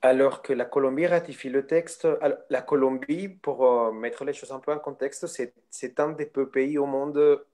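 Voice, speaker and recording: Man, mid-pitched voice, hesitant, french speaker, online panel answer. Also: fairly even intonation, normal speed, few pauses, mellow. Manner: hesitant, searching for words.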